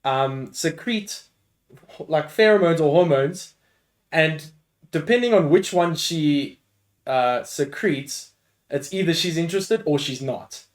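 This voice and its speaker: A man co-hosting a podcast in casual chat, calmly explaining facts from his prepared notes. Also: fairly high pitch, slow. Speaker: podcast co-host.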